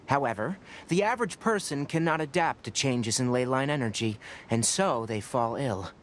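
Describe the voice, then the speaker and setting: A man voicing a calm, precise young ranger. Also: mid-range voice, a little hiss or hum, close to an everyday voice. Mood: explaining. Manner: measured, explanatory, matter-of-fact.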